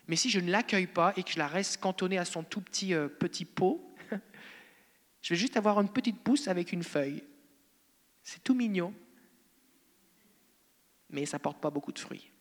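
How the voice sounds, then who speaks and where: A man's voice: high voice, moderate pace, pauses often. A male pastor with a French accent preaching a conversational, playful sermon to his congregation in a church hall. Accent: French (France).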